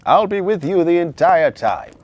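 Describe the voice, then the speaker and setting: A man voicing a kindly old Santa Claus in a children's story, deep and jolly, with a hearty, reassuring manner. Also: lively intonation, normal speed, close to an everyday voice. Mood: jolly reassurance.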